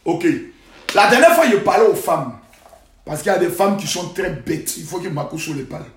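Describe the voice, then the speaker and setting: Man, high-pitched, preachy live-stream scold, phone mic in an echoey room. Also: expressive, moderate pace. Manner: preachy, scolding rants with loud outbursts and sudden quiet asides. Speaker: livestream host. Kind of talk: live social-media monologue. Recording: roomy echo.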